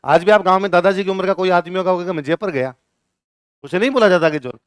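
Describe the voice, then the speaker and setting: A man teaches a class in a lecture and keeps quizzing his listeners. His voice sits fairly high and sounds clean and crisp. The recording is dry and close. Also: very fast, no echo. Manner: asks the class questions and answers them himself.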